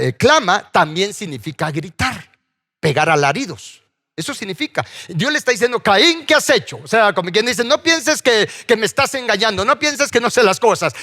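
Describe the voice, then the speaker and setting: A man's voice: high-pitched, bright, forceful tone. A man preaching a sermon as pastor, asking his congregation questions as he goes. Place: church sanctuary. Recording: church hall reverb.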